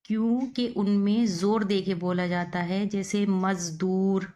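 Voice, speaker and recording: A woman's voice: medium pitch, fairly even intonation, slow, mellow. A woman teaching Urdu, spelling words out letter by letter and repeating each one. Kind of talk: slow spelling-out lesson.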